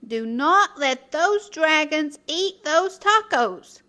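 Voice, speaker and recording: A woman reading a children's story aloud in a playful, expressive way, speaking directly to her listeners as narrator and host. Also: sits high, slow. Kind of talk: animated read-aloud storytelling.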